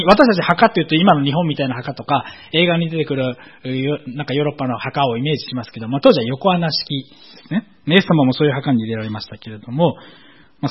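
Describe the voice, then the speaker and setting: Man, pastor, sermon, higher voice, husky, dull lo-fi recording. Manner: measured, explanatory, with frequent filler "well".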